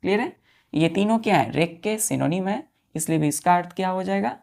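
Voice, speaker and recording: Gravelly-voiced woman teaching vocabulary. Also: on the low side, expressive, fairly quick, a little mellow. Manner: spells words letter by letter, repeats and quizzes pupils; addresses listeners as children. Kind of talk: classroom-style lesson.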